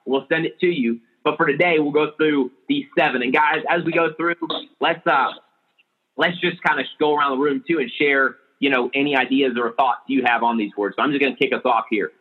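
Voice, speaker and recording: A man's voice: mid-range voice, steady tone, a little fast, narrow, tinny audio. A man hosting a casual group discussion, talking in a rambling way with many restarts. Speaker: podcast host.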